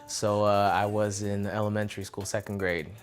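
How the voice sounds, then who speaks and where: A young man from Russia, a musician, talking casually in an interview, relaxed and rambling with lots of fillers. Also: fairly low pitch, moderate pace.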